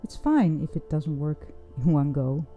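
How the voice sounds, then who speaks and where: A woman leading a guided breathing meditation in a soft, soothing, unhurried voice with long pauses. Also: sits low, expressive. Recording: dull, muffled sound with music underneath. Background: music.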